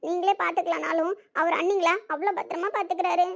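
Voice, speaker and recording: An earnest tearful young wife. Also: female voice, extremely high pitch, fairly even intonation, quick pace, creaky, very noisy. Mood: earnest pleading. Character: tearful young wife defending her husband. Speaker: younger sister in family skit. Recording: dull lo-fi recording.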